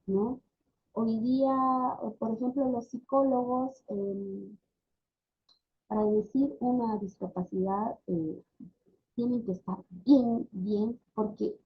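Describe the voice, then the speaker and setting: A woman's voice: mid-range voice, gravelly, slightly rough. A woman, a speech therapy lecturer explaining things in an online class, often checking in with tag questions. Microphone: video call. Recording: dull lo-fi video call audio.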